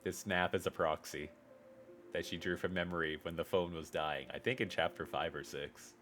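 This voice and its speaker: A man's voice: low-pitched, steady tone, moderate pace, fairly bright tone, faint music behind. A man streaming himself reading fan fiction aloud, often breaking off for joking, mocking asides.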